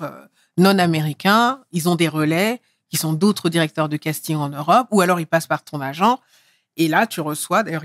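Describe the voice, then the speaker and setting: A middle-aged actress from France speaking in a relaxed interview, lively and emphatic as she tells her story. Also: on the low side, dry recording, studio quality. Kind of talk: casual interview talk.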